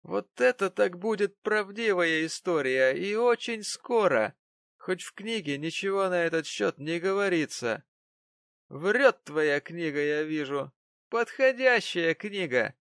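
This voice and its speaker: A man doing a spiteful, drunken young husband in a storybook reading, with a high, strained voice that drags out its sneers. He speaks slowly and with contempt, close and dry. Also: lively intonation, creaky, a bit bright, dry recording, exaggerated voice. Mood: menacing. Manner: snarling, contemptuous. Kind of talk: audiobook character voice.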